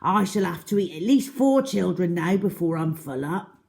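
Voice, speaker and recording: A woman's voice: fairly low pitch, animated, moderate pace, vocal fry, a little mellow. A woman voicing a huge, greedy, scheming male crocodile in a children's storybook, sly and self-satisfied. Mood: hungry grumbling.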